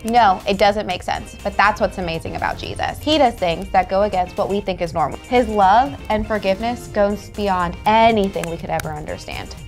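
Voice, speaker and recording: A woman's voice: mid-range voice, moderate pace, hardly any pauses, soft background music. A woman hosting a children's church show, patiently explaining a Bible story in a scripted lesson. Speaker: kids' church host.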